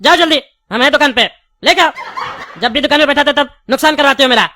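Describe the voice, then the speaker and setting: A woman's voice: high-pitched, animated, fast talker, slight background noise. A woman playing a brash young shopkeeper. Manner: brash, bantering, loud. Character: brash young male shopkeeper selling candy, cocky. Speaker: actor in comedy sketch. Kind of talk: scripted comedy acting.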